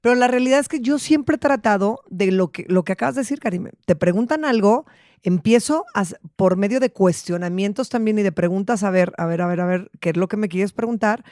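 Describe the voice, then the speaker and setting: A woman's voice: medium pitch, brisk, darkish tone, no echo, clean studio sound. A woman hosting a podcast, chatty and jokey, telling anecdotes with quoted dialogue. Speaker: podcast host. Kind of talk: casual chat.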